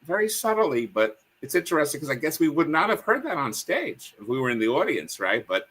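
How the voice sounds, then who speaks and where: A man's voice: fairly high pitch, brisk, husky. A man, a guest on a chat show, telling comedy history stories and acting out lines. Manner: animated storyteller, acts out quotes. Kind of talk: casual chat.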